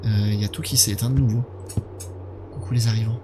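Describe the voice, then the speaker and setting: A man's voice: fairly low pitch, steady tone, quick pace, over music. A man in his thirties giving casual live commentary on a horror game while chatting with his viewers. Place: indoor gaming setup.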